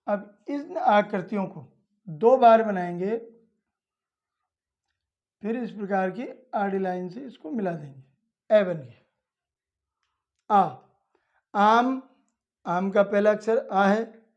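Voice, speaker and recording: A woman speaks slowly and patiently, walking young children through a lesson one step at a time. Her voice is mellow and a little dark. The recording sounds dull and lo-fi. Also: mid-range voice. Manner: patient, repeats each step plainly. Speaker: teacher.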